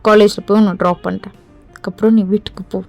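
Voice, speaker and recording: A woman's voice: mid-range voice, flat delivery, fast talker, gravelly, darkish tone, faint music behind, natural voice. A woman voicing an irritated young boyfriend in a fan voice drama, with a curt, harsh, dismissive manner.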